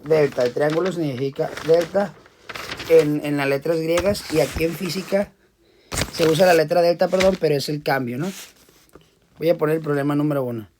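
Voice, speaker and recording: Man, physics teacher, casual lecture, fairly high voice, repeats words while explaining. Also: normal speed, background noise.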